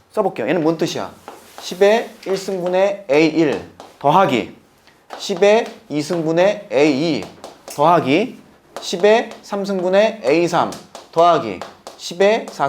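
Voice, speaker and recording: A man teaching math, walking through the steps and constantly quizzing his students with quick questions. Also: a little high, slight background noise. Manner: playful, talking to himself. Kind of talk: lecture.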